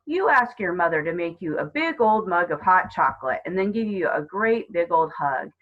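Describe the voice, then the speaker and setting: A gruff, jovial storybook policeman talks loudly and kindly down to a child, read out by a woman. He is patronizing and chummy and booms his words. The recording sounds dull and lo-fi. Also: sing-song, normal speed. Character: gruff, jovial grown man, a police officer.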